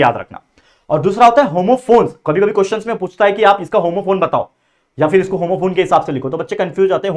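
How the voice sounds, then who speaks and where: A man. He explains step by step, keeps checking whether students follow, and slows right down to read each example sentence. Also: high-pitched. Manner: reads example sentences slowly and deliberately. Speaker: tutor. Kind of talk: exam-prep grammar lesson.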